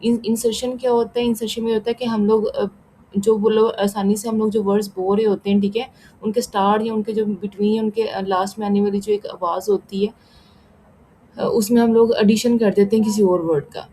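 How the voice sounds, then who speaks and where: A woman tutor talking through an assignment solution, reading the English text aloud slowly and explaining it again in casual Hindi-Urdu with many fillers. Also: medium pitch, flat delivery, warm tone, a little hiss or hum, rough recording. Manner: frequent fillers and "theek hai" check-ins.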